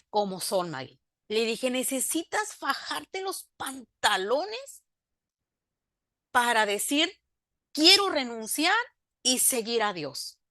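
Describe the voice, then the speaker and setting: A woman's voice: fairly high pitch, a bit bright, no room sound, studio quality. A woman, giving a faith testimony in an interview, telling her story by acting out both sides of the remembered conversations and turning emphatic when she preaches.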